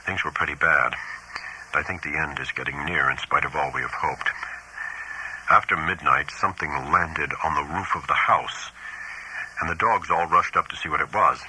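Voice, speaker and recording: Man voicing a terrified rural letter-writer, very deep voice, bright tone, halting, horror audiobook. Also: husky, exaggerated voice, rough recording. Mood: uneasy. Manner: hurried, haunted, halting. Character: frightened older male farmer writing letters.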